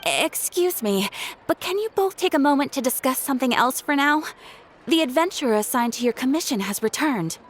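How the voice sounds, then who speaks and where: An actress playing a polite, composed guild receptionist in a video game. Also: female voice, high voice, lively intonation. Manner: polite, measured.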